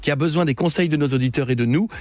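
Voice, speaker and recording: A man hosting a morning radio show, talking in a fast, playful, jokey way and laughing often. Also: a little high, darkish tone, no echo. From France. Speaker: radio host.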